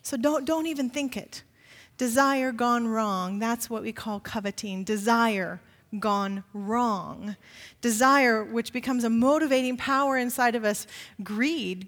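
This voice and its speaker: A woman pastor preaching a sermon, retelling a scripture story with animated emphasis. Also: normal speed. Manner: expressive storytelling, rising pitch for emphasis. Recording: long reverb of a large hall.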